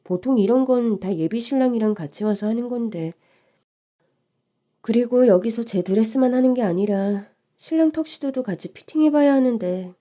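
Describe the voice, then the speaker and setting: Brief: female storyteller, mellow warm tone, slightly high voice, calm first-person reading. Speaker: story narrator. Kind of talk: scripted narration of a listener's story.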